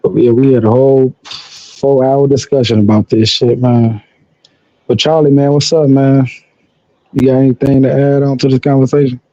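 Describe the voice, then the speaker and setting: A man talking fast on a casual live panel and pulling others into the conversation. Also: mid-range voice, level tone, dark tone, no echo. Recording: dry dull lo-fi audio.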